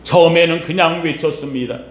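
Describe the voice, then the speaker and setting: A male pastor preaching a sermon with passion, his delivery swinging between quiet and loud. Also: fairly high pitch, a little fast. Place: church sanctuary. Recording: echoey church hall.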